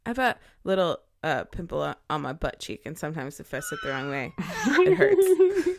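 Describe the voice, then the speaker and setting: A woman's voice: low voice, very animated, quick pace, vocal fry, a bit bright. A woman co-hosting a podcast from a video call, rambling casually and laughing easily. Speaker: podcast co-host. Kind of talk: casual chat. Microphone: remote video call.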